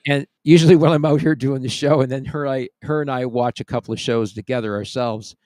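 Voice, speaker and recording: A man's voice: medium pitch, fairly even intonation, brisk, darkish tone, no echo. A man hosting a casual podcast chat, reading out listener comments and chuckling often, close to the mic. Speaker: podcast host.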